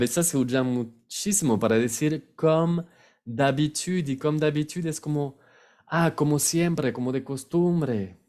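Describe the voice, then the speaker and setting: A man's voice: mid-range voice, a little mellow. A man from France with a French accent, a native French speaker teaching a video language lesson, patiently repeating each word. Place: on camera, recording a video lesson.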